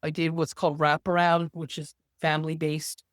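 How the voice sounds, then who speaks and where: A woman's voice: sits low, little pitch movement, moderate pace, no echo, studio quality. A woman in her sixties, a therapist and guest, telling stories in a casual, emphatic interview conversation. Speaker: podcast guest, social worker and therapist.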